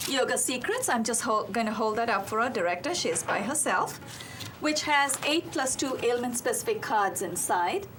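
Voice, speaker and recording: Bubbly high-voiced woman hosting yoga show. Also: lively intonation, moderate pace, background noise. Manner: bubbly, effusive and chatty. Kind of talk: upbeat studio talk show chat. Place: TV studio.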